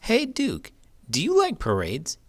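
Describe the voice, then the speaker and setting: A man hosting a children's show reads a picture book aloud with big, expressive emotion. His voice is high and swoops wildly in pitch, his pace unhurried, and a noisy crowd is audible behind him.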